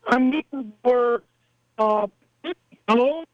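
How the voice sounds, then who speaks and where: A man's voice: very high-pitched, slow pace. Man on a choppy, breaking-up phone line. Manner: hesitant, restarts his request. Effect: phone connection breaking up, words cut off and choppy. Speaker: radio call-in caller. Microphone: telephone.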